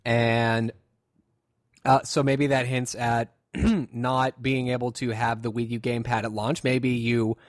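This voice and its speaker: A man chats casually on a podcast with a middle-pitched voice. The recording is close and dry, with no room echo. His voice jumps high in pitch when something amuses him. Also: little pitch movement, takes it slowly. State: hiccups. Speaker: podcast co-host. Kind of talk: casual chat.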